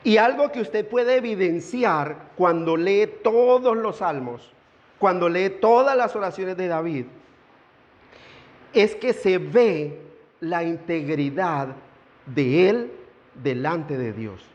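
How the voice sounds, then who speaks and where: High-voiced preaching man in a reverberant hall. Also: lively intonation. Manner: earnest preaching, slowing down for emphasis. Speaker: pastor. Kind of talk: sermon. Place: church sanctuary. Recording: dull lo-fi church hall with long reverb.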